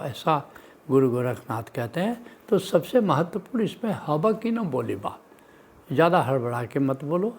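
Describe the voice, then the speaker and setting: A man giving a spiritual discourse as a teacher, listing points in a teaching cadence and chanting the sayings of saints in a slow sing-song. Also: on the high side, gravelly, slightly rough. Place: live teaching session.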